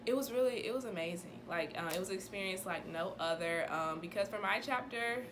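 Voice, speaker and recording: A woman's voice: mid-range voice, brisk, background noise. A woman in her twenties chatting casually to camera in a bubbly, enthusiastic sorority-girl manner. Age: 20s. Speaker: vlogger, sorority member.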